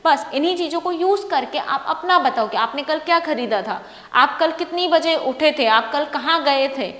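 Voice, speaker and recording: A woman teacher patiently explaining English sentences in Hindi, repeating each example slowly. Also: high voice, lively intonation, a bit bright. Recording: echoey room with long reverb.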